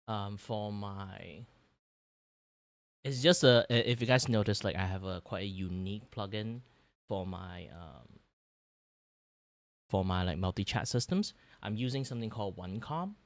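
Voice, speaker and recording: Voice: sits low, a little slow, long pauses. Casual, rambling livestream host. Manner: rambling, muttering to self while working. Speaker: streamer, host. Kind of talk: casual livestream chat while working.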